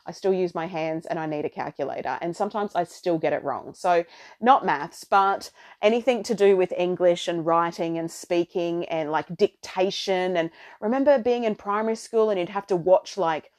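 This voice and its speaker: A woman's voice: on the low side, moderate pace, darkish tone. A middle-aged woman hosting a podcast, chatting casually and theatrically in a rambling way. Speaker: astrology podcast host. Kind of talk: casual solo podcast chat.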